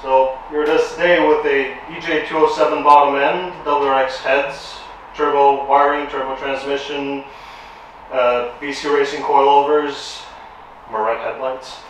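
A man in his thirties from Romania, a car owner chatting casually about his build, relaxed with frequent fillers. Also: medium pitch, a little slow, slight background noise. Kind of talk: casual chat. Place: tuning workshop, indoors. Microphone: far camera. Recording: echoey workshop from far off.

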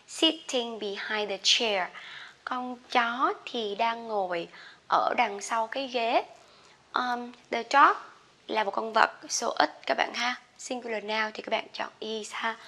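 A woman gives an English grammar lesson, explaining in a chatty manner and reading the example sentences slowly and loudly. Her voice is on the high side.

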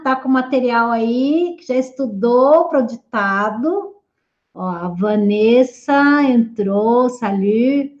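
A woman's voice: a little high, darkish tone. A woman French teacher hosting a live class, cheerfully reading out viewer comments and greeting each person by name. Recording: roomy, dull lo-fi stream audio.

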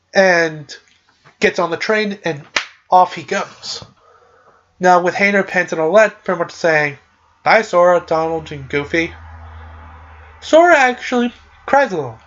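A man's voice: sits high, a bit bright, lo-fi sound. A man hosting a podcast, casually recapping a video game plot in a rambling, filler-heavy way.

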